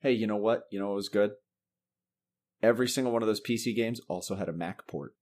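A man hosting a podcast in casual chat, animated, laughing often and swearing freely. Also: fairly low pitch, fast talker. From Massachusetts. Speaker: podcast host.

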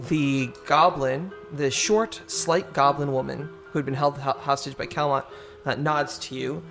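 A man running a tabletop game as game master, narrating in a halting way. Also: medium pitch, vocal fry, fairly bright tone. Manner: halting, with fillers and restarts.

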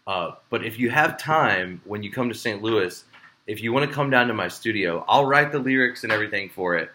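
Male podcast host, bright lowish voice, rambling casual delivery. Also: lively intonation, a little fast, slight background noise. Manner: rambling, with many fillers and restarts. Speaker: podcast host and show promoter. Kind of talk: casual chat.

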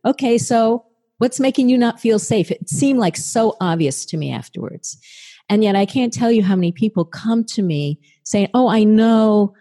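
A woman speaks in a warm, mellow voice at a middling pitch. She tells a personal story in an easy, conversational way, often using filler phrases as she goes. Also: animated, normal speed. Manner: conversational, many "you know" fillers. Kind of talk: storytelling talk.

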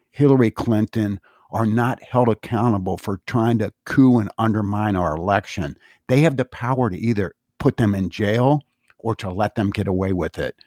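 A man's voice: lowish voice, darkish tone, no room sound, studio quality. A man giving a solo political commentary monologue in an insistent, repetitive, speech-like manner.

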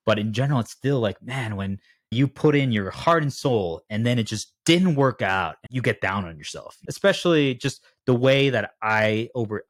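A man hosting a casual podcast interview, talking at length in a rambling, animated way. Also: lowish voice, no room sound, clean studio sound. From United States. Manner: talkative, rambling, animated storytelling. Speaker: podcast host.

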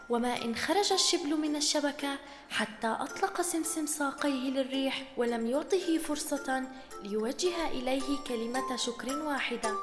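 Female storyteller host, high voice, echoey roomy sound. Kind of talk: scripted children's story narration. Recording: roomy reverb, long echo, soft music bed. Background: faint background music.

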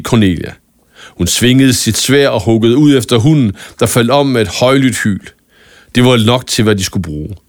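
A man reading a scripted Christmas story aloud in a calm, even storytelling manner with small stumbles now and then. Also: medium pitch, no echo, studio quality. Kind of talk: scripted audiobook narration of a Christmas tale.

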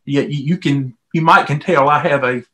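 A middle-aged man with a Southern US accent speaks at normal speed in a higher, fairly bright voice. Volunteering as an interviewee, he tells stories from his own life in an easygoing, folksy way.

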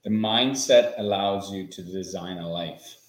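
A male podcast host with a fairly low voice answers his guest with short affirmations and then asks questions. The recording has a roomy echo. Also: measured pace. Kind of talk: interview questions.

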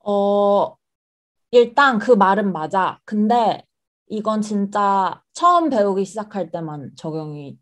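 A woman's voice: medium pitch, lively intonation, slow pace. Young woman, reflective casual interview guest.

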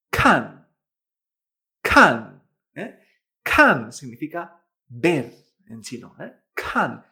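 Forceful and bright, this fairly high-pitched male voice belongs to a Chinese teacher drilling pronunciation. He draws out example syllables and keeps asking "¿eh?" as he urges the listener to repeat after him.

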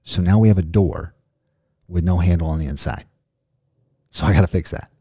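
Low, dark-voiced male podcast host. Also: steady tone, moderate pace, slightly rough, dry recording, studio quality. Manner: rambling, jokey, goes off on tangents. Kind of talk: casual chat.

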